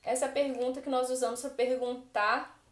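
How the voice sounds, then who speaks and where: A woman's voice: high-pitched, flat delivery, brisk, echoey room. Brazilian woman teaching English grammar. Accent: Brazilian Portuguese. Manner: explains patiently with frequent "né?" and "tá bom?" check-ins. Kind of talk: classroom-style grammar lesson. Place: room where she writes on a board.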